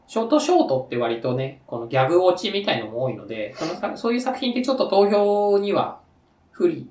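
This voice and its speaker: A Tokyo man hosts a story contest and serves as its judge, chatting casually in a podcast. His fairly high voice is lively and rambling, full of fillers and laughs. He sits a bit off mic in an echoey room, sounding far away.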